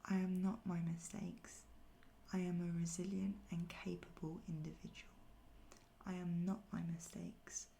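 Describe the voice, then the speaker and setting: A woman giving a whispered pep talk of ASMR affirmations in a soft, breathy near-whisper, slowly repeating phrases with pauses. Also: lowish voice, level tone, a little hiss or hum.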